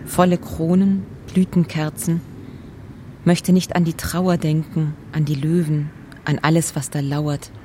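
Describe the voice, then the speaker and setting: Slow, dark-toned woman narrating. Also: deep voice, flat delivery, slight background noise. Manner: quiet, fragmentary, contemplative. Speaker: author narrator. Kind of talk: literary radio feature narration.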